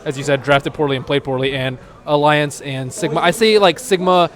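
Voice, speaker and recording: A man co-hosting an esports broadcast, talking through the game in an easy, agreeable way and listing points in quick runs. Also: a little high, steady tone, a bit bright. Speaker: esports analyst co-host. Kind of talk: casual post-game desk analysis.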